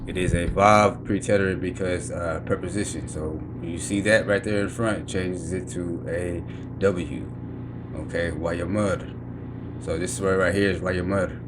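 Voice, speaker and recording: A man with a deep, steady, unhurried voice gives casual commentary reacting to a teaching clip, explaining and correcting points step by step. He repeats himself often, saying "you know what I'm saying" over and over, against a noisy background.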